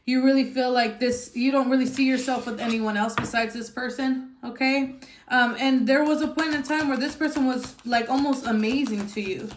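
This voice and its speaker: A woman's voice: high-pitched, moderate pace, roomy sound, background noise. A woman giving a casual tarot reading, chatty and blunt, who swears freely and keeps checking in with "okay?". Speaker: tarot reader.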